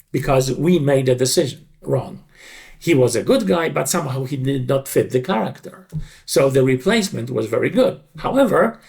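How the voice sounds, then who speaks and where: In a mid-range, creaky voice with a darkish tone, a middle-aged man answers interview questions conversationally. He explains things emphatically and often repeats short phrases. He's the guest, a creative director in dubbing.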